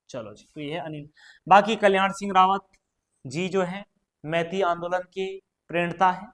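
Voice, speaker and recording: A man teaching an exam prep lesson, quizzing students and repeating each question and answer, chatty and addressing them directly. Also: sits high. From Uttarakhand, India.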